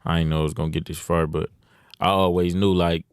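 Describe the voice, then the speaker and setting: Studio-quality audio with no echo captures a young man from Detroit, USA, a rapper chatting as a podcast guest in a casual interview. He talks at a quick pace in a low-pitched, clean voice with little pitch movement. His speech is laid-back slang, full of "you know what I'm saying."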